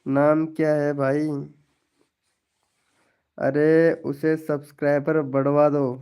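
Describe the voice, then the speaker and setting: A man chatting casually with viewers on a live stream, slowly reading out their names and IDs. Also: fairly high pitch, little pitch movement, dark tone, clean tone.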